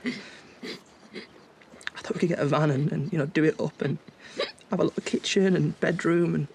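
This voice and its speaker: An actor playing a young husband, speaking softly and hopefully to his dying wife in a television soap drama. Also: on the high side, fairly even intonation, moderate pace, vocal fry, a little hiss or hum. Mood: dreamy, tender. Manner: soft, hopeful, then begging.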